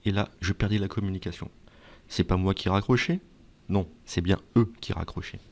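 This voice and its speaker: Low and gravelly, with a slightly mellow quality, this man's voice stays steady at a normal speed. He presents advice to viewers in a conversational, semi-scripted explainer, often asking questions and answering them himself.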